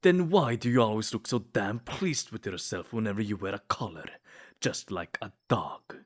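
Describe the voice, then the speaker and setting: In a comedic ASMR roleplay, a man plays a smug, possessive, lovesick vampire, shifting from theatrical and taunting to sweet-talking. His natural voice is fairly low and his speed is normal.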